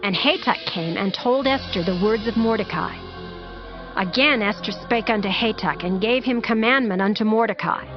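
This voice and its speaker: A woman giving solemn, measured scripted narration for a dramatized audio Bible. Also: mid-range voice. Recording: dull lo-fi audio with music.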